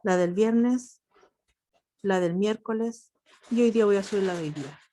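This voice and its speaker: A woman's voice: medium pitch, moderate pace, warm tone. A woman with a Chilean accent teaching a math class over a video call, patient and affectionate with her students. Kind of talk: online class lecture.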